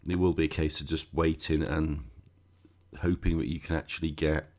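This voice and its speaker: This bass-voiced man runs a gaming channel and, despite a cold that leaves him croaky and congested, chats through a walkthrough with sarcastic side remarks. His tone stays level and a bit mellow at a moderate pace.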